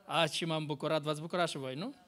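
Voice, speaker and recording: A man's voice: fairly high pitch, steady tone, fairly bright tone. A pastor preaching an informal sermon, telling chatty personal stories and addressing the congregation as his dear ones. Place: church hall with congregation.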